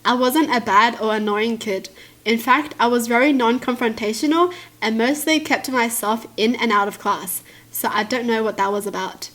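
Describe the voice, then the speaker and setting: High-voiced woman reading stories and reacting. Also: fairly even intonation, moderate pace, fairly bright tone. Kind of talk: reading stories aloud with casual commentary.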